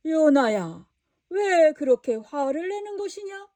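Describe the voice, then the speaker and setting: A patient God figure, voiced by a woman reading aloud, speaking in a calm, measured way. The delivery is slow and unhurried. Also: high voice, no room sound, voice pushed up, exaggerated voice. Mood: gentle.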